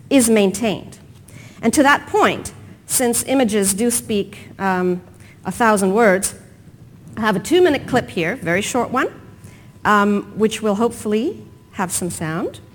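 Lively, emphatic woman giving a talk. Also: a little high, a little hiss or hum. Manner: emphatic, with rhetorical questions. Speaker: conference speaker. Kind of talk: prepared public talk.

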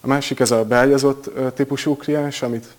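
A man presenting a technical project at a conference, pausing often with filler sounds. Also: medium pitch, steady tone. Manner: hesitant, many filler sounds.

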